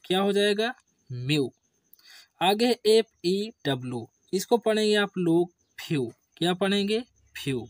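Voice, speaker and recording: A male teacher walks beginners through spelling, speaking very slowly and repeating each word. His mid-pitched voice sounds dry and close, with no room sound around it. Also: expressive, dry recording. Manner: slow, repetitive call-and-response drilling. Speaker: English teacher. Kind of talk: classroom lesson for beginners.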